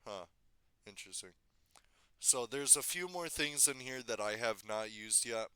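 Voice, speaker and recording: Bright-voiced man walking through software. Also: medium pitch, normal speed, clean tone, no room sound. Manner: relaxed, thinks aloud, corrects himself mid-step. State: slightly losing his voice. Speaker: tutorial maker. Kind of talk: casual screen-recorded software tutorial.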